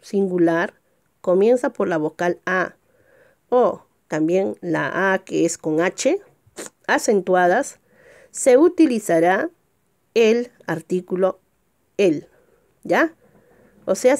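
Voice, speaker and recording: In a recorded grammar lesson, a woman teacher with a slightly mellow voice poses rhetorical questions to check understanding. She slows down to stress example words, and her pitch jumps up whenever she starts a new point.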